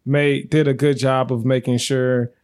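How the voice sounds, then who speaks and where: A man's voice: medium pitch, level tone, measured pace, darkish tone. A man hosting a relationship podcast in casual chat, leading the topic in an easygoing way and laughing often. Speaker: podcast host.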